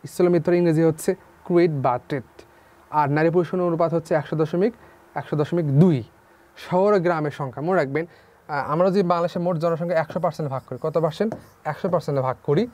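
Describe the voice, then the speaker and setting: Young male tutor with a somewhat high voice for a drill-style online lesson. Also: fast talker, darkish tone. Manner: repeats key figures as questions to students. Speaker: teacher. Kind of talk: online class lecture.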